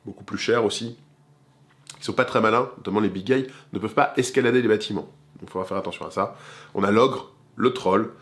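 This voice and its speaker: A man with a fairly low voice presents a board game in a relaxed, informal style. He chats directly to the viewer like a friend as he goes through the details. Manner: chatty, informal, talks straight to the viewer. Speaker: board game channel host.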